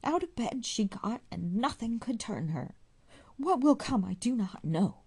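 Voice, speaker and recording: A flustered old village widow, as a woman reader puts her on, crying out in a fretful way. The voice pitches high and loud over a gravelly, dark undertone. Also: very animated, unhurried, exaggerated voice. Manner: exclaiming, fretful.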